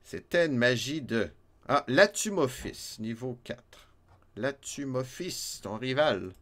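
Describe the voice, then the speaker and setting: A man's voice: mid-range voice, animated, slow pace, a bit bright. A man with a Québécois accent streaming a retro game, chatting and joking with his viewers and laughing often. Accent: Québécois French. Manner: chatty, jokey, laughs often, reads chat aloud. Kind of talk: casual let's-play chat with viewers.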